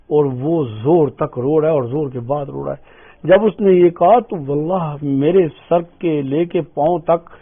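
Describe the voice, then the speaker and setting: An older man preaching an emotional storytelling sermon, acting out the voices in his stories. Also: a little high. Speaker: Islamic preacher. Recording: tinny phone-like lo-fi sound.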